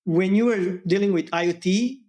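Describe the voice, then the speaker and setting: Man, slightly high voice. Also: darkish tone. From Serbia. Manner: halting, many fillers, laughs easily. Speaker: guest engineer. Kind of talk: casual tech interview.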